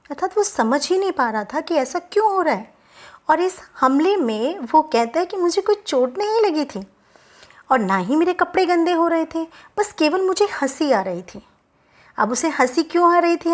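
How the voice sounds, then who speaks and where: A woman narrating a moral story in a relaxed, conversational way, with small asides to the listener. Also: high voice.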